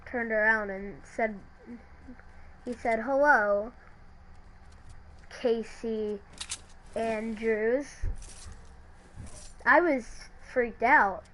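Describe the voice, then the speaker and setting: Woman narrator, slow hesitant storytelling, faint background noise. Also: fairly high pitch, fairly bright tone, rough recording. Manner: hesitant, halting with restarts. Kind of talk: creepypasta narration.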